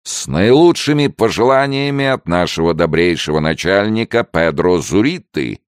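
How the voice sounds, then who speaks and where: A man's voice: deep voice, big pitch swings, moderate pace, creaky, no room sound, studio quality, voice pushed up, exaggerated voice. A man voicing a drunk, staggering gendarme jailer who mumbles his words. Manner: mumbling, slurred.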